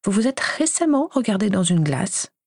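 A woman's voice: mid-range voice, very animated, normal speed, a little mellow, no room sound, clean studio sound, voice pushed up. A woman reading as stern teacher McGonagall. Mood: urgent. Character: stern older female witch teacher, brisk.

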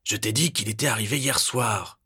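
Man voicing a worried peacemaker in a story; urgent, slightly raised, husky voice. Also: fairly low pitch, moderate pace, pushed and bright, voice pushed up, exaggerated voice. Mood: pleading. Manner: pleading, slightly breathless. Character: nervous male innkeeper trying to calm things.

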